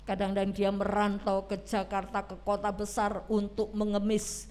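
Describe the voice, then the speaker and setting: A woman's voice: mid-range voice, completely flat delivery, moderate pace, darkish tone. A woman preaching a Sunday sermon, retelling a story dramatically and putting questions to the congregation.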